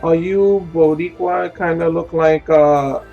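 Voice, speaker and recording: A Puerto Rican man in his 30s streams a game, chatting casually, cursing and laughing easily in a laid-back way. His voice is a little high with fairly even intonation, slow pace and vocal fry, and the recording is muffled, with faint game music behind him.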